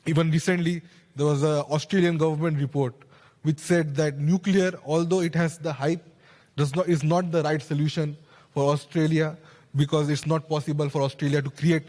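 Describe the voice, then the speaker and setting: A young man talks earnestly on a conference panel, moving through his points with quick restarts and side remarks. His slightly high voice has a level, somewhat mellow tone, and the handheld mic catches the long reverb of the large stage hall.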